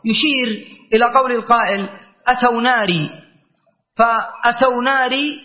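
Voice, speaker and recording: A man with a notably high voice leads a classical grammar lesson. He chants verse lines at a slow pace, then breaks them down and keeps asking whether it is clear. The recording is dull and lo-fi. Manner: recites verse lines slowly, then explains with checking questions. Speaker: teacher of Arabic grammar.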